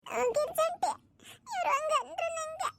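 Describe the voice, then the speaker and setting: A woman's voice: very high voice, moderate pace, fairly bright tone, slight background noise, pitched above the performer's own voice. A woman voicing a small boy who cries and pleads to be taken to his mother. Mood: tearful pleading. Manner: tearful, pleading.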